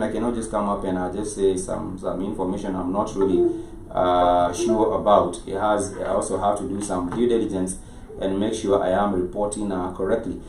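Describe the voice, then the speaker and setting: A man with a Kenyan accent hosting a live show, speaking in a halting way and often rephrasing himself. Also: fairly low pitch, a little mellow. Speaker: show host. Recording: echoey, noisy room, distant mic.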